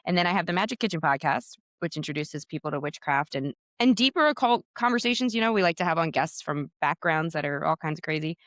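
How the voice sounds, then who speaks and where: This woman in her thirties, from Pennsylvania in the United States, has a low voice and a Pennsylvania American accent and talks fast and animatedly with few pauses. As a guest author and podcaster in a casual interview chat, she's chatty and packs in "like" and "you know." The sound is a bit bright, studio quality, with no room sound.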